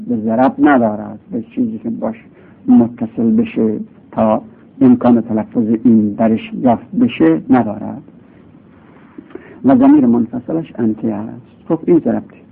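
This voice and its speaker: A man gives a grammar lecture in a gravelly, slightly husky voice. His pitch swings widely as he repeats examples and stresses key points. The recording is tinny and lo-fi, like a phone line. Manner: explains patiently, repeats examples, voice leaps up for emphasis. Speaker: teacher of Arabic grammar. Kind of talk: classroom lecture.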